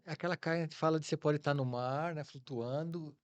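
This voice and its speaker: This middle-aged man with a Brazilian Portuguese accent is a casual interview guest, acting out snippets of dialogue while telling anecdotes. His fairly high voice moves briskly, and the audio sounds dull.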